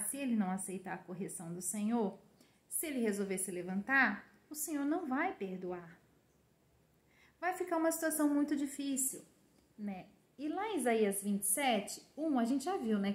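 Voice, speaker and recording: Brazilian woman, informal prophetic preacher, chatty, slightly high voice. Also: echoey room. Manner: chatty, keeps adding "né?", often laughs. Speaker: religious preacher. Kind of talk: informal prophetic sermon to online followers.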